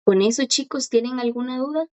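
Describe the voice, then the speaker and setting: A woman teaching a language class online, patiently explaining and slowly repeating words for her students. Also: sits high, darkish tone, highs cut off.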